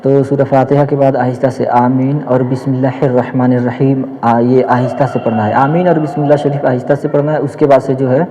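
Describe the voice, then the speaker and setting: A man gives practical prayer instruction, repeating each step patiently as he shows it. His voice is very dark and mellow, with an even, flat delivery. A long reverb trails behind him, as if he is recorded in a big hall. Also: mid-range voice, lo-fi sound, slight background noise. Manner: patient, repetitive step-by-step explaining, demonstrating as he speaks. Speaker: Islamic teacher.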